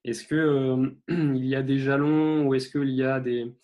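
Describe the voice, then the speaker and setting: A man hosts a relaxed interview and asks his guest long questions, pausing and restarting as he goes. His voice sits at an ordinary middle pitch. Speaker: interviewer, host.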